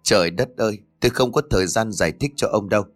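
A man's voice: fairly low pitch, quick pace, faint music behind, close to an everyday voice. A man voicing a frightened young village man who stammers and pleads in a rush, in an audio horror story. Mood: panicked.

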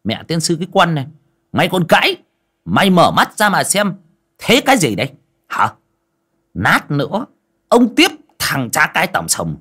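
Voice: medium pitch, wildly swooping pitch, moderate pace, pauses often, a bit bright, breathy edge, voice pushed up, full character voice. A narrator voicing a bad-tempered master of the house who curses and bellows at his servant. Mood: furious. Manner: bellowing, cursing, scolding.

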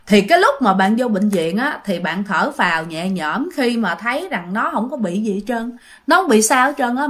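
A woman's voice: on the high side, a bit bright. Chatty woman telling ghost stories. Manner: chatty, addresses listeners directly. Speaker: storyteller and channel host. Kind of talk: spoken ghost story narration.

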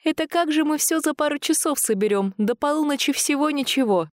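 A woman's voice: high voice, expressive, fairly quick, no echo, clean studio sound, voice pushed up. A woman voicing a frightened young female investigator who cries out in panic. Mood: glum.

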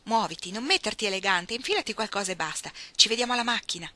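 A woman's voice: mid-range voice, lively intonation, quick pace, sharp tone, no echo. A woman reading aloud, voicing a bold, mischievous tomboyish young woman who coaxes and pleads dramatically. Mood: pleading.

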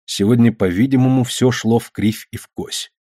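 Husky male audiobook narrator. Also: mid-range voice, moderate pace, warm tone, dry recording, studio quality. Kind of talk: scripted narration of a novel.

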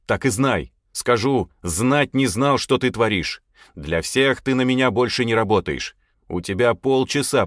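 A man's voice: on the low side, no echo, clean studio sound, pitched above the performer's own voice, exaggerated voice. A man voicing a furious male crime boss who rants and scorns his men. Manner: shouting, scornful.

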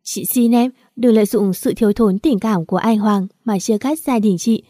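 A woman's voice: mid-range voice, normal speed, warm tone, dry recording, clean studio sound, natural voice. A woman reading a storybook plays a deceitful, manipulative mother who pleads in a sobbing, melodramatic way.

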